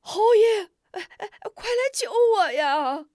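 Lady doing a squeaky groveling coward guy, stammers nonstop, voice jumps all over, dry sound. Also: big pitch swings, unhurried, no room sound, heavily acted. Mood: shouting for help. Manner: stammering, full of "uh" fillers.

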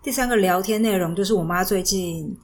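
A woman's voice: medium pitch, brisk. A young woman with a Taiwanese Mandarin accent hosting a casual solo podcast, chatting and telling stories with lots of fillers, recorded on a studio mic in a small room. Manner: chatty, storytelling with frequent fillers. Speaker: podcast host. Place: small rented room at home. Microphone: professional microphone.

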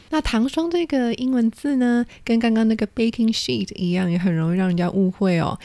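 A woman's voice: medium pitch, warm tone, no echo. A woman teaching English vocabulary, patiently spelling out each word letter by letter. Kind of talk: spoken vocabulary lesson.

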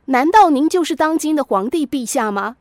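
A woman's voice: sing-song, moderate pace, no echo, clean studio sound. A woman doing a haughty army major. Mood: anxious. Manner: haughty, then eager and anxious, higher voice. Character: arrogant male army major turning fearful.

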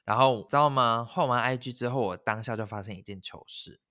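A man, co-hosting a podcast and telling a story in animated, casual chat that is sprinkled with swearing. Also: mid-range voice, fairly quick. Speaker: podcast co-host.

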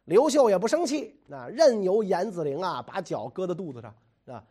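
A man's voice: high voice, sing-song, moderate pace, dark tone. A man telling history stories in a chatty, jokey, colloquial way. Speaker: storyteller. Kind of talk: casual history storytelling.

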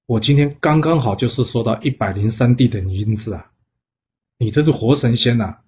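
A man doing an eager, excitable townsman. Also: mid-range voice, normal speed, a little hiss or hum, close to an everyday voice. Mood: amazed. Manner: eager and pleading. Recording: dull lo-fi sound.

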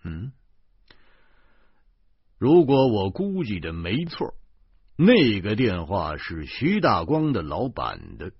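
A man voicing a calm, wry older policeman who talks in a dry, matter-of-fact way, in a dull lo-fi recording. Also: lowish voice, takes it slowly, long pauses, husky, no room sound, full character voice.

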